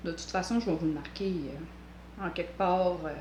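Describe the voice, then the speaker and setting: A woman's voice: fairly low pitch, normal speed, darkish tone, reverberant, slight background noise. A woman with a Québécois accent hosting a knitting vlog, chatting casually in a rambling, playful way with jokey asides. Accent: Québécois French.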